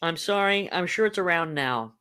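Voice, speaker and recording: A woman's voice: fairly low pitch, expressive, moderate pace, bright, forceful tone. A woman hosting a podcast in casual chat, cheerful and chatty, reading out listener comments. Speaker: podcast host.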